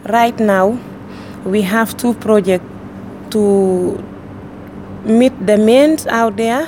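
A woman's voice: mid-range voice, drawn-out words. Young woman speaking over traffic. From Gambia. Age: young adult. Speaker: activist interviewee. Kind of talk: interview in English.

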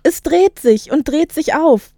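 A woman's voice: unhurried, no room sound, studio quality. A woman doing a frightened young boy. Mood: uneasy. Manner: high, excited shouting.

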